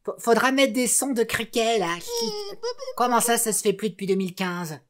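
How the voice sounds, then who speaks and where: A woman's voice: fairly high pitch, normal speed. A woman hosting a comic film show, theatrical and playful, joking with the crew.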